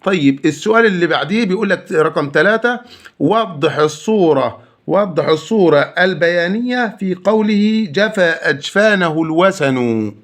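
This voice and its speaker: Egyptian male teacher, slightly higher voice, briskly answers his own exam questions. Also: expressive. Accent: Egyptian Arabic. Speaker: Arabic teacher. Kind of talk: exam answer walkthrough lesson.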